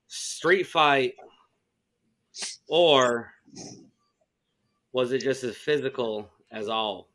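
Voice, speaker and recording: A man hosting a wrestling talk show in a casual, halting, hesitant way. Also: mid-range voice, fairly bright tone. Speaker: host.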